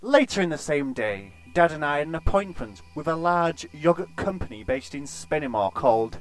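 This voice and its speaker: Male narrator, deadpan and crude, slightly high voice, soft music underneath. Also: moderate pace. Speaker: storyteller. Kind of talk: absurd comic story narration.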